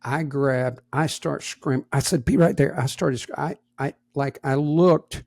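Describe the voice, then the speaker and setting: A middle-aged man co-hosting a podcast, telling a lively anecdote in casual chat and acting out what people said. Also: mid-range voice, unhurried, creaky, no echo, studio quality. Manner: animated anecdote teller, acts out quotes. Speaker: podcast co-host.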